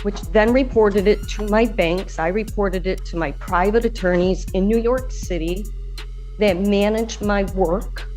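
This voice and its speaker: A woman's voice: medium pitch, a little slow, a little mellow, soft background music. A woman addressing a judge as a litigant in a courtroom recording, rambling in stiffly formal wording.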